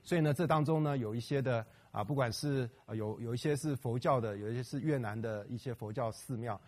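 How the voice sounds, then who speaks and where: Husky middle-aged man giving a church talk. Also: medium pitch, fairly quick, a little mellow. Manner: conversational, with many fillers and rhetorical questions. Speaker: pastor. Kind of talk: church talk on local history and prayer.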